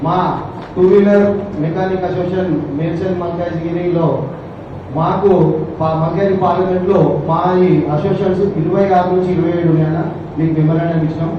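A man's voice: sits high, little pitch movement, fairly quick, highs cut off. A man representing a mechanics' association, making an earnest appeal in a public speech at a gathering. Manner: earnest appeal, rising to loud rallying calls. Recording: echoey hall, distant mic, noisy.

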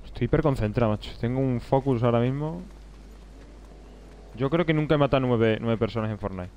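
Excitable streamer man, cursing as he plays. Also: medium pitch, a little fast, lo-fi sound, slight background noise. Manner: excitable, swears, talks to himself. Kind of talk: live gameplay commentary.

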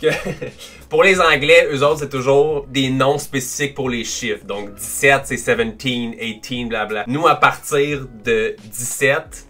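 A man with a Québécois French accent hosting a casual reaction video, chatty and quick to laugh as he explains language quirks. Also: mid-range voice, a bit bright, faint music behind. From Quebec.

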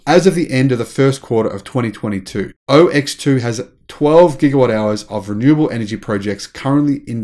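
Man, 30s, excited news commentary, animated, small home room, middle pitch. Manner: enthusiastic, animated, gestures with hands. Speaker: channel host.

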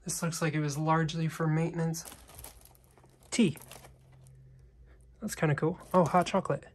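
Low-key man narrating while exploring. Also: level tone, moderate pace. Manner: low-key, remarks on found objects. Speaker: urban explorer. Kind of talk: quiet handheld exploration vlog commentary. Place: abandoned hotel, indoors, walking through rooms.

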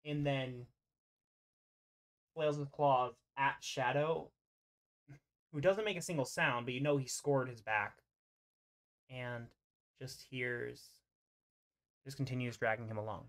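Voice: medium pitch, slow pace, long pauses, fairly bright tone. A game master narrating a tabletop roleplay over an online group voice call and voicing non-player characters.

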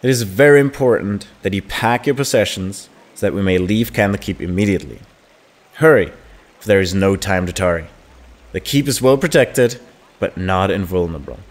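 A man's voice: sits low, normal speed. A man reading the lines of a solemn, protective older male guardian in a grave, formal way. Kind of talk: reading game dialogue aloud.

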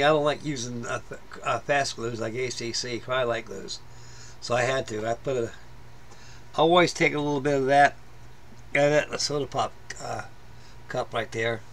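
A middle-aged man, voice mid-range and fairly bright, rambles informally about the model he's building at a workbench in his home hobby room. His talk is plain-spoken and riddled with fillers and restarts, and slight background noise is present.

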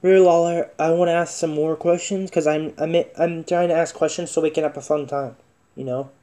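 Man, very muted dark tone, higher pitch, halting insistent questions, casual session host. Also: fairly even intonation. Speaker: spirit box session host. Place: indoor room with wooden floor.

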